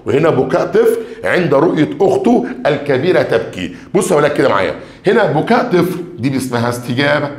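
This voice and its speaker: Lively Egyptian teacher in an echoey room. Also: male voice, on the high side. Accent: Egyptian Arabic. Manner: lively, stretches out key words one by one while reading questions; addresses students directly, calls for blessings on the Prophet. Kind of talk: exam revision lesson.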